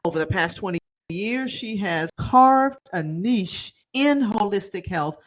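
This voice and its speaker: A woman's voice: medium pitch, animated, measured pace. A woman hosting a podcast interview, chatty and rambling, upbeat and laughing easily. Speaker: podcast host. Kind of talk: casual interview chat.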